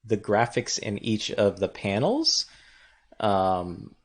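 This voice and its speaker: A man's voice: on the low side, takes it slowly. A man who co-created and voiced a web series, chatting casually on a stream with lots of ums and restarts. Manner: lively, hesitant with many ums. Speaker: co-creator and voice actor.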